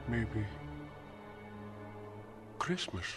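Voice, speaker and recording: A man voicing a grumpy green male creature in an animated special, drawling in wonder as he puzzles things out. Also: lowish voice, very slow, loud music behind the voice, exaggerated voice. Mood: musing.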